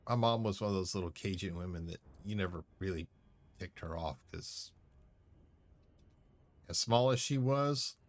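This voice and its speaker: Low-voiced male game streamer. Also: normal speed, pauses often. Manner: rambling, talks back to the game. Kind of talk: casual chat while playing.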